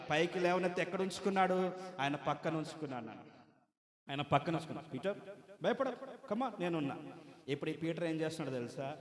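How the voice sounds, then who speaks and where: A man preaching a sermon, calling on the congregation to answer and clap, swinging from soft storytelling to loud exclamations. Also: on the high side. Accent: Telugu. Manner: call-and-response preaching, urging the crowd to answer and clap. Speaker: pastor. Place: large hall at a church gathering. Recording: echoey hall reverb.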